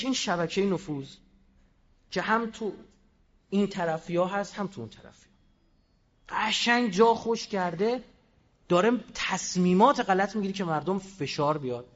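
A man giving a combative public speech, firing rhetorical questions and swinging between loud and quiet. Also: high voice, in a large hall, lo-fi sound. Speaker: public speaker.

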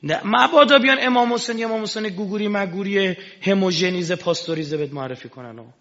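A man giving an impassioned sermon, dropping to a hush and then rising to shouting. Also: high voice. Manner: impassioned, swings between hushed and shouting. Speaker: religious preacher. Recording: echoey hall, dull lo-fi sound.

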